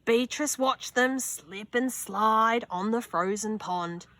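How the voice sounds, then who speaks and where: A young woman reading a children's picture book aloud outdoors, slow and expressive, with gasps and little asides. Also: on the high side, no room sound. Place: outdoors on a sunny wooden deck.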